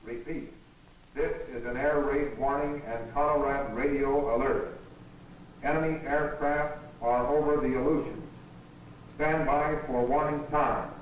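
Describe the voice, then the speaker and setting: A man delivering a grave civil defense air raid alert in a formal, deliberate manner. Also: mid-range voice, steady tone, lightly acted. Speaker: air raid warning announcer. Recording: echoey, distant, faintly noisy announcement.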